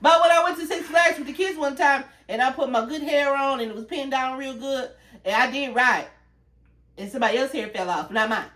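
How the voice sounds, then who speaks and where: A woman's voice: sits high, fairly quick, fairly bright tone. A woman co-hosting a casual chat show, telling stories playfully and laughing often. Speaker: podcast co-host.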